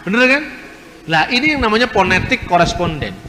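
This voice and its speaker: A man delivers a lively teaching lecture in a slightly high voice. His words ring out with a long reverb, as if spoken in a large hall. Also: a little fast, a little hiss or hum. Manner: lively, explanatory, imitates regional pronunciations. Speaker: religious speaker.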